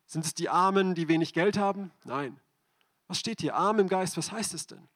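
A man's voice: sits high, normal speed, a bit bright. A man preaching a sermon, speaking directly to the congregation and asking them repeated questions.

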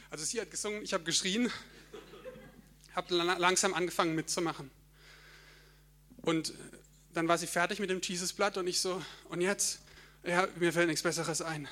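A young man tells his testimony to a church audience. His voice sits high and sounds bright and forward. He tells the story vividly, laughs at himself and sometimes sings short bits of hymns. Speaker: church speaker sharing a testimony. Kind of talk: personal testimony in a church talk.

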